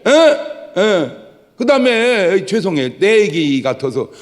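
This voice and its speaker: A middle-aged man preaching a lively, joking sermon, acting out the voices of the people he quotes. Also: high-pitched, slow, in a large hall. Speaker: pastor. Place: church sanctuary.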